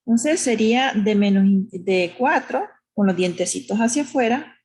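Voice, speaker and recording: Female math teacher, husky voice, patient, explanatory classroom delivery. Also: mid-range voice, normal speed, a little mellow. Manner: patient, explanatory, uses diminutives, asks "¿verdad?". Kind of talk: recorded math lesson.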